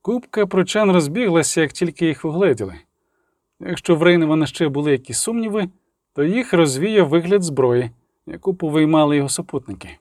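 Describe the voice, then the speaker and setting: A man narrates an audiobook with a steady, even read. His voice sits a little high for a man. The sound is dry and close, with no room around it. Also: brisk, no room sound. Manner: steady storytelling read, acting out characters.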